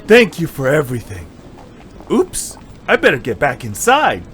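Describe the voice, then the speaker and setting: In an amateur anime-style drama, a man voices an eager, good-natured fast-food worker who is a retired martial arts pupil, excitable and boastful yet respectful. Here he sounds humbled and grateful. His voice is a little high, with slight background noise.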